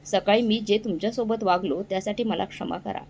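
A woman's voice: mid-range voice, brisk, creaky, darkish tone, a little hiss or hum, lightly acted. Woman reading a remorseful grown son. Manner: pleading, emotional.

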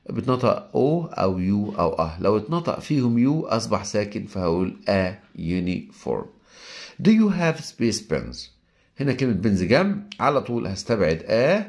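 A man with an Egyptian Arabic accent teaching English grammar, explaining step by step, reading English sentences slowly and acting out his students' questions. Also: lowish voice. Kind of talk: recorded grammar lesson.

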